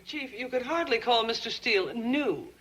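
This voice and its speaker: An actress playing a prim bank secretary in an old sitcom, who gets flustered and stammers. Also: female voice, a little high, expressive, normal speed, fairly bright tone. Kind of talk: 1960s sitcom acting. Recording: hissy old TV soundtrack.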